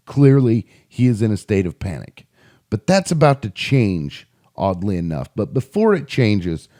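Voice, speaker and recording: Speaking in a low-leaning, mellow voice, a man comments informally on a video between audio clips. He gives his opinions emphatically, spelling each point out and repeating it.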